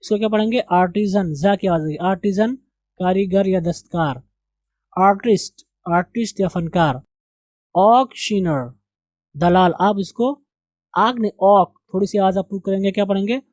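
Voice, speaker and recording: A man teaching English as a classroom lesson, slowly and deliberately drilling the pronunciation of words. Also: sits high, a little mellow, no echo.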